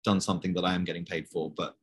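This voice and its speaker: Young male guest, low voice, rambling easy chat, video call. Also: level tone, rapid-fire, slightly rough. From Belgium. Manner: chatty, many fillers. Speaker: interview guest. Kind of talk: casual conversation.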